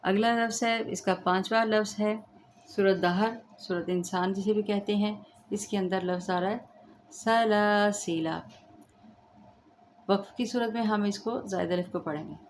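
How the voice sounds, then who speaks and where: A woman's voice: medium pitch, fairly even intonation, normal speed, slight background noise. A woman teaching the rules of Quran recitation, patiently explaining step by step and checking that students understand. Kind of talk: slow tajweed lesson with chanted recitation.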